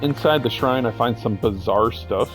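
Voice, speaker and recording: A man's voice: medium pitch, normal speed, over music. A young man casually playing a horror game, reading its text aloud and joking with slang between lines. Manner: casual, joking, says "dude" and "bro". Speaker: gameplay streamer.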